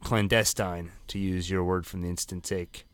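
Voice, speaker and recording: Podcast co-host, male, low and dry, casual, explanatory. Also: little pitch movement, moderate pace, smooth, no echo. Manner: conversational, explains plot at length. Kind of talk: casual recap chat.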